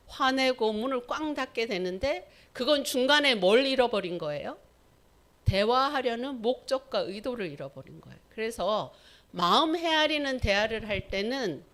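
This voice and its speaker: A woman's voice: fairly high pitch, a bit bright. A woman, a pastor's wife, teaching a church Sabbath school class. She asks the audience questions, says "예" between points, and acts out short everyday dialogues as examples.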